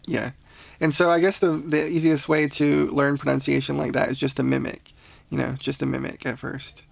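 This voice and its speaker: A man with a gravelly, creaky edge to his voice leads a relaxed podcast language lesson. He talks patiently and laughs often, recorded on a close mic in a dry, dead-sounding room. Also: a little high, moderate pace, dry recording. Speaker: language teacher.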